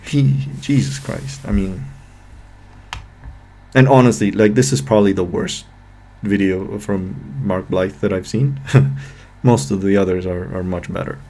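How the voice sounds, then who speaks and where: A man commenting on a video clip, exasperated and sarcastic, swearing and slowing down to hammer his points. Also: sits low, mellow. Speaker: political commentator.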